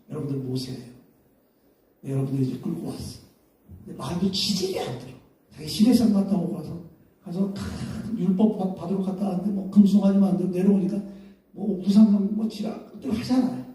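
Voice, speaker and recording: A man's voice: sits high, warm tone. A man preaching a sermon in a casual, storytelling way, often acting out the voices of the people in his story. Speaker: pastor. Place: church hall. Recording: echoey hall, mic far off.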